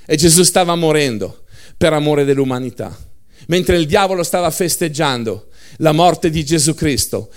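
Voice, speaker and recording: A man's voice: fairly high pitch, expressive, normal speed. A man preaching a sermon with passion, piling up short phrases one after another.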